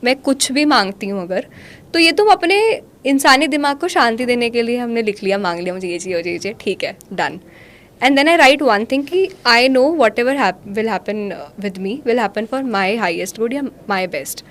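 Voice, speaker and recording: A woman in her thirties talking in a podcast conversation, mixing Hindi with slow, deliberate English lines. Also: a little high, animated, fairly bright tone. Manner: switches between Hindi and English, slows down for English lines. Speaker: guest, manifestation coach.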